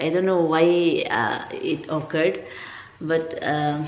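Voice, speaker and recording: A woman vlogger with a lisp, talking casually to viewers in a halting, hesitant way. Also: sits low. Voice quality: lisp from a dental appliance. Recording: echoey, roomy sound.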